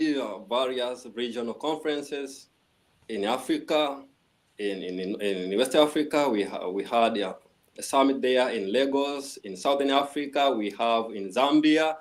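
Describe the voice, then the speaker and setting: Formal male guest from Tanzania, mid-pitch, stops and restarts often. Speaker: guest, organization vice president. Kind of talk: formal presentation on a video call. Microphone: video call.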